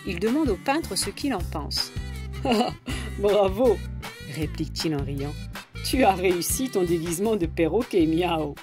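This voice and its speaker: Animated woman reading a children's story. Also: medium pitch. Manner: expressive, with swooping emphasis. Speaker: storybook reader. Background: background music.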